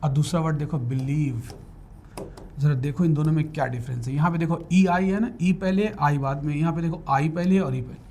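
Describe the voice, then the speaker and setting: Hindi-speaking man teaching spelling, slightly high voice. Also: fairly quick, a little mellow, a little hiss or hum. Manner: explains in Hindi, switches to English for definitions and spells words letter by letter; keeps checking in with the class. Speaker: English teacher for law entrance exams. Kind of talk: classroom lecture with spelling drills.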